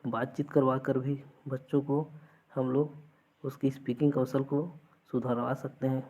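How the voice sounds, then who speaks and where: Male exam-prep teacher, warm tone, lo-fi recording. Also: medium pitch, level tone, measured pace. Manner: explains with everyday examples, keeps checking understanding.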